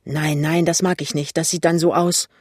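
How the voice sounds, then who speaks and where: Ein Mann liest einen verlegenen, hastigen jungen Ehemann in einem Hörbuch. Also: male voice, on the high side, little pitch movement, a little mellow, slightly rough, no echo, studio quality. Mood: hasty. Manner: hurried, embarrassed. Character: flustered young husband, shy and hasty. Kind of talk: audiobook reading.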